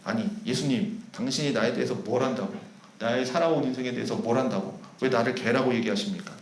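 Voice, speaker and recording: A man's voice: medium pitch, fast talker, voice pushed down, natural voice. A man playing a proud, indignant foreign mother. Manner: indignant, pleading questions. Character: bitter foreign mother, middle-aged woman, proud. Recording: roomy church hall echo.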